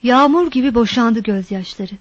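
A woman reading a novel aloud in measured, steady audiobook narration. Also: on the high side, no room sound, dull audio.

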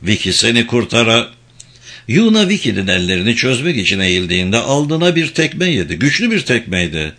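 A man narrating an audiobook in a dramatic, expressive reading style. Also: mid-range voice, a little fast, few pauses. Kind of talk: scripted narration.

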